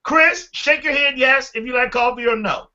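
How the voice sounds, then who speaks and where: A man leading a motivational team training call, energetic and animated, calling on listeners by name. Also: extremely high pitch, normal speed, lo-fi sound. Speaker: team leader.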